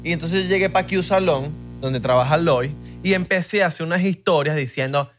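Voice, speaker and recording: A Venezuelan-accented man co-hosts a podcast, telling anecdotes and playfully imitating other accents. His voice is slightly high, with faint music underneath. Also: brisk. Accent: Venezuelan Spanish. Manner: storytelling, mimics accents playfully. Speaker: podcast host.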